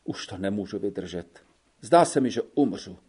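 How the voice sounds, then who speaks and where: A man's voice: mid-range voice, big pitch swings, dark tone. A male narrator voicing a young Italian woman working as a wet nurse, tired and complaining on a hot train ride. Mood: plaintive. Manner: plaintive, sighing complaints.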